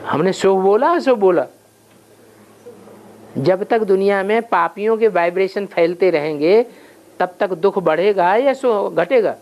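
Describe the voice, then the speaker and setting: A man's voice: sits high, a little slow, a little mellow. A man leading a spiritual class, answering questions and posing rhetorical questions he answers himself. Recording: dull lo-fi recording with faint noise.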